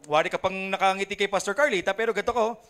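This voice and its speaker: A young Filipino man preaches a sermon in a notably high voice. He keeps it funny, mixing Tagalog and English and acting out the people in the pews. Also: very fast, fairly bright tone, slight background noise. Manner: humorous storyteller, acting out churchgoers; switches between Tagalog and English. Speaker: pastor.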